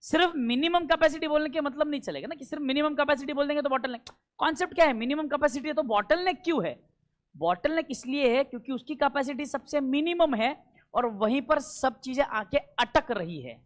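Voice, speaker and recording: A man teaching a classroom lecture, emphatic and repetitive, often checking that students follow and slowing down for key English terms. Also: very high voice, lively intonation. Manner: emphatic, repeats points and keeps checking understanding.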